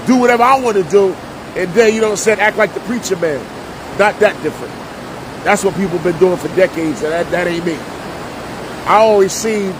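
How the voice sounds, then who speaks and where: Middle-aged man, New street talk, higher voice, heavy background rumble. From Jersey City, New Jersey. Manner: streetwise slang, repeats himself for emphasis. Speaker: vlogger and preacher. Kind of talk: casual storytelling monologue. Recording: loud rumbling noise behind voice.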